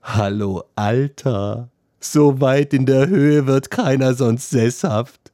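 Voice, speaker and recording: A man's voice: mid-range voice, slow, dark tone, no echo, clean studio sound, natural voice. A man voicing an insolent, quarrelsome young man who taunts, in a storybook reading. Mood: taunting.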